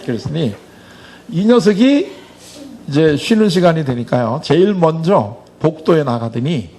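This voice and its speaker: A middle-aged man is telling a story during a talk at a church Bible school, acting out the quoted dialogue as he goes. His voice sits a little high, his pace is unhurried, and there's a slight hiss or hum.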